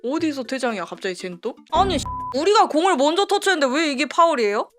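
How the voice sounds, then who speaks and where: A woman streaming a live football match reaction, emotional and swearing, yelling at the players. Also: high voice, sing-song, quick pace, music in the background.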